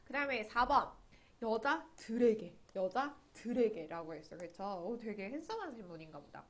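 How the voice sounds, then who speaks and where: A woman's voice: on the high side, expressive, normal speed. A young woman teaching an English grammar lesson online, chatty and often checking that students follow along.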